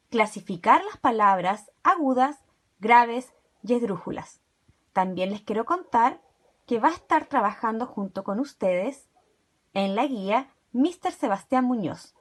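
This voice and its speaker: A woman with a fairly high voice opens a children's lesson. She speaks in an encouraging, instructive way. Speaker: teacher.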